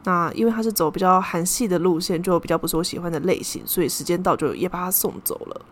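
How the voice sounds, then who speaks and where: A woman's voice: lowish voice, fast. A young woman hosting a podcast, telling a story in a chatty, casual way and dropping Japanese terms into her talk. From Taiwan. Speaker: podcast host.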